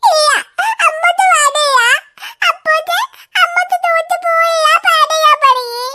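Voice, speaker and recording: A woman's voice: very high voice, takes it slowly, pushed and bright, a little hiss or hum, exaggerated voice. A woman voicing a crying, sulky little girl in a cartoon, whiny and insistent. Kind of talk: cartoon voice acting.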